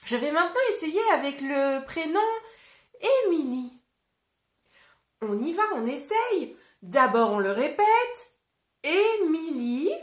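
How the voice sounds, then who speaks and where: Brief: high, animated French woman teacher reading to young kids, carefully articulated. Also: reverberant. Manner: encouraging, addresses child directly; slow, clearly articulated. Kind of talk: interactive read-aloud lesson for children.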